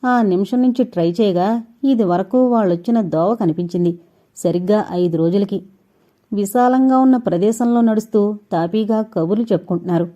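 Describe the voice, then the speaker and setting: A woman narrating a suspense audio novel with steady, suspense-building storytelling. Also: medium pitch, normal speed. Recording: dull lo-fi recording.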